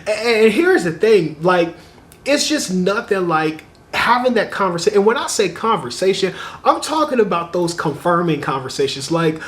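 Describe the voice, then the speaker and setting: In a casual vlog, a young male dating vlogger gives advice to camera in a chatty, animated way, laughing often. His voice sits high and he talks at a normal speed.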